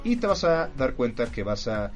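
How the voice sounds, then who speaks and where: A man's voice: medium pitch, very animated, moderate pace, faint music behind. Mexican man giving motivational advice. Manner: speaks directly to the listener, emphatic repetition. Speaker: podcast host. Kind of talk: motivational self-help talk. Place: studio recording.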